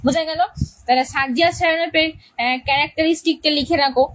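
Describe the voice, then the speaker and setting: A woman's voice: high voice, fairly even intonation, quick pace, a bit bright, poor audio. A woman English teacher explaining a play's characters to students, repeating key words and often checking that they understand.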